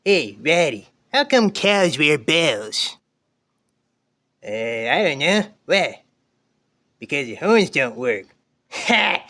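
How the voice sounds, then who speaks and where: A man's voice: fairly high pitch, big pitch swings, slow pace, pauses often, pushed and bright, full character voice. A man voicing a corny puppet comic, trading setup-and-punchline banter in a comedy act. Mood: corny, playful. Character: corny joke-telling male puppet comic.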